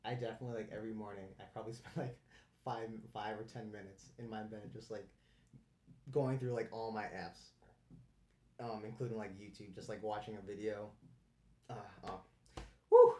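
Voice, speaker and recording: A man's voice: on the low side, little pitch movement, brisk, darkish tone. A young man co-hosting a podcast in easy casual chat, laughing often. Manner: laid-back, laughs often. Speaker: podcast co-host. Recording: echoey room.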